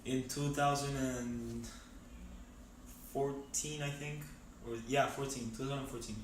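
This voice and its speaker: A man's voice: mid-range voice, steady tone, measured pace, a little hiss or hum. Hesitant teenage boy in an echoey room. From Venezuela. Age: teens. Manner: hesitant, many fillers and restarts. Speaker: interviewee. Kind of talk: casual interview answers. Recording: echoey room, mic at a distance.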